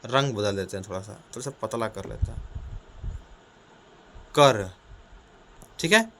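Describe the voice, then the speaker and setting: A man teaching a children's lesson in a small room, speaking loudly and energetically, repeating questions to the class and sounding out letters. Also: lowish voice, expressive, a little slow.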